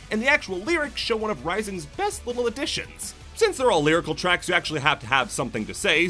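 This video game review is voiced by a man whose tone is crisp, bright, and pitched a little high. He mixes straightforward explanation with jokey, sarcastic asides, his pitch swinging widely, while faint music runs underneath.

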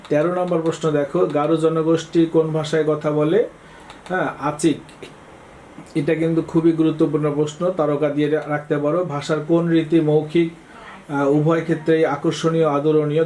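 A man teaching an exam-prep lesson reads out quiz questions and briskly answers each one, often prompting students to look. His voice is a little high and mellow, on a rough recording with a bit of hiss or hum.

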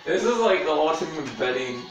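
A man's voice: fairly high pitch, animated, normal speed. A man giving casual commentary while playing a board game on screen, chatty, singing along and swearing freely. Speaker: gaming video creator. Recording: very echoey, from far off the mic, loud music behind.

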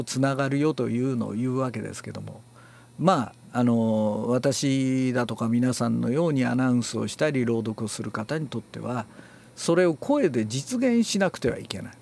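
Gravelly, lively-voiced male lecturer. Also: mid-range voice. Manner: unhurried and explanatory, with frequent filler pauses. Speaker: announcing and reading instructor. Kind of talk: spoken lecture on speech theory.

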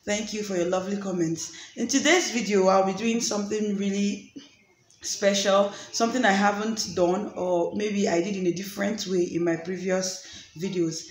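A woman's voice: medium pitch, steady tone, moderate pace. A woman hosting her own channel, talking casually with many fillers and restarts. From Nigeria. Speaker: vlogger and host. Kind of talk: casual chat. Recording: echoey room with faint noise.

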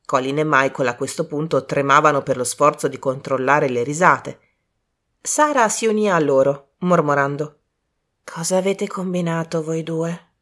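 Woman, fairly low voice, story narration, even, steady. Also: moderate pace. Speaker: audiobook narrator.

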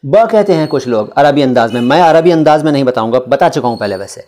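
A man from India teaching a casual lesson at a board, chatty, with drawn-out letter sounds and side remarks. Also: mid-range voice, lively intonation, darkish tone. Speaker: language teacher.

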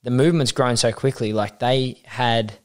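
Australian man telling lively stories. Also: mid-range voice, normal speed. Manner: animated storyteller acting out quotes. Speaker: podcast guest, identity coach. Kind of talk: casual interview chat.

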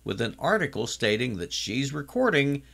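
Older man with a lively, swooping voice. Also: mid-range voice, normal speed, creaky. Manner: chatty, with animated exclamations. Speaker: TV series reviewer. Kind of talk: casual recap narration.

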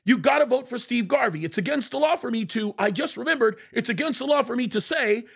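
Fast and animated, a very high, gravelly, husky voice with a touch of brightness carries this indignant commentary. The speaker is a US pastor commentator in his forties who reads quotes aloud and rebuts them emphatically. He works from a leather chair in a cramped, dark studio, with a studio mic on a boom before him.

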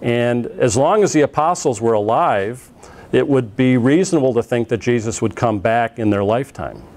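A middle-aged lecturer with a medium-pitched voice teaches a class in a relaxed, conversational manner, often saying "uh" and restarting phrases as he explains. A lapel mic picks him up close in the classroom as he stands in front of a projected slide.

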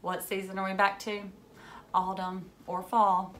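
Reading a picture book to young kids indoors at home, a woman in her thirties speaks unhurriedly at medium pitch, with slight background noise. Her delivery is animated and dramatic, full of gasps, hushed bits, little asides, and simple questions.

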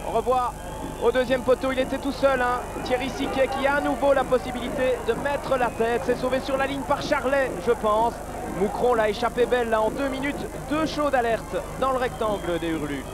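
A man giving excited football commentary as a match commentator, his voice surging with the play. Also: very high voice, moderate pace, over music. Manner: voice surges on chances and goals.

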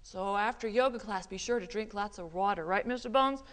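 A woman leading a live children's yoga class in a library, coaxing and animated, with Spanish words sprinkled in. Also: medium pitch, a little fast, in a large hall. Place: public library room, live audience.

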